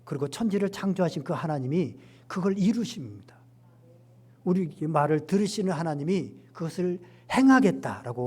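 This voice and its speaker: Korean pastor preaching, lively and emphatic. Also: male voice, on the high side. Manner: animated, acts out quoted lines with rising emphasis. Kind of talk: sermon.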